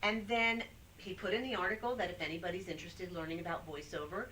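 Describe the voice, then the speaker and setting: A woman's voice: lowish voice, quick pace, far from the mic, slight background noise, poor audio. A woman voice-over artist, a guest on a talk show, chatting casually and acting out the quotes in her stories. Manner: animated storyteller, acts out quotes. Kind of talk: casual interview chat.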